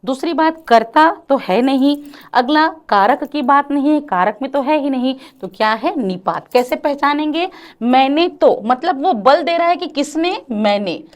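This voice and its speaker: Female teacher, high-pitched, exam-prep grammar lecture; checks in with students often, stretches example sentences. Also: expressive. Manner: addresses students as "beta", asks "clear ho gaya?" often; sings or drawls example lines slowly.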